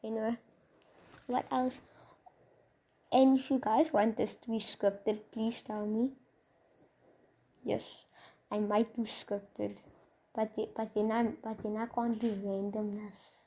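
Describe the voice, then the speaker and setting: Brief: sleepy woman narrating an improvised fan story, slow, rambling, gravelly, husky. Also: a little high, little pitch movement, mellow. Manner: rambling, tired, many restarts. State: tired.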